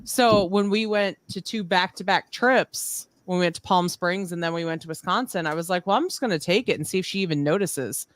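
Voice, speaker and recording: A woman's voice: on the low side, fairly quick, few pauses. A woman in her forties chatting on a podcast, telling teasing stories. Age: 40s. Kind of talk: casual podcast chat.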